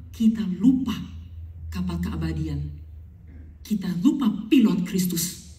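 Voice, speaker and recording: A middle-aged woman pastor preaches and tells her own story with lively, animated retellings. Her voice is dark and mellow. She sounds like she's in a roomy, echoing hall, standing a little way back from the microphone. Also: lowish voice, distant mic. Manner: animated storytelling, acts out pleading in English. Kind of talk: sermon with personal testimony.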